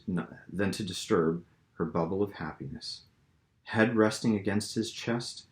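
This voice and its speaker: An author reads his own novel in dramatic, audiobook-style narration. His voice is low, and the recording has a roomy, echoing room sound.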